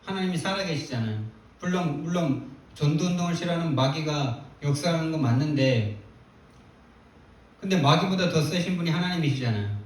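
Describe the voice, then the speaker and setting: A man preaching a sermon as pastor, retelling a story in an animated way with quoted prayers. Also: a little high, fairly quick. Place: church sanctuary. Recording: echoey church hall from far off.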